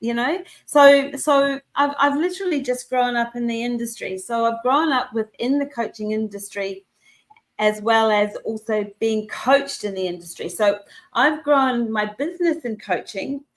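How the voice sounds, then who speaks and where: Her slightly high voice pours out in long, lively runs with quick restarts as this self-assured wellness and business coach from New Zealand chats in a conversational interview over a video call, confident in her expertise.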